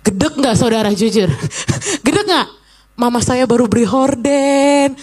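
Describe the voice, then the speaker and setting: A young woman preaches in a church, her voice pitched high. She talks in a lively way, keeps asking the congregation questions, and voices the people in her stories. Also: unhurried. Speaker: evangelist preacher. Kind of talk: sermon.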